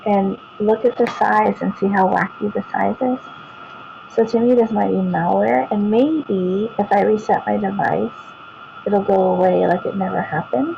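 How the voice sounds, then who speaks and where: Gravelly woman rambling to viewers. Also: mid-range voice, normal speed, highs cut off, a little hiss or hum. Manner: rambling, repeats herself and restarts sentences. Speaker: vlogger. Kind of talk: casual talk to viewers.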